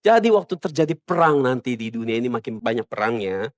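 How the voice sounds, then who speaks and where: A man preaching a sermon as pastor, emphatic and swinging between loud stresses and low murmurs. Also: big pitch swings, fairly quick. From Indonesia. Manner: mocks other preachers in a soft mimicking voice. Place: church.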